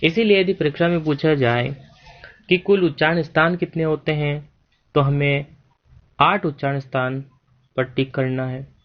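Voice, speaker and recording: A man teaching a Sanskrit grammar lesson, speaking deliberately and spelling out sounds one by one. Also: fairly high pitch, fairly even intonation, muffled recording. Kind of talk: slow spoken grammar lesson.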